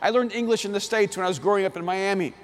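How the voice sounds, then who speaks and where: Speaking in a high voice at a quick pace, a man from El Salvador, a native Spanish speaker, preaches in a large hall. He reads from scripture before turning earnestly to his personal story.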